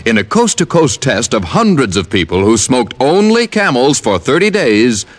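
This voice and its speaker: A man's voice: medium pitch, very animated, moderate pace. An American man reading scripted mid-century radio advertising and credits, emphatic and declarative. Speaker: radio announcer.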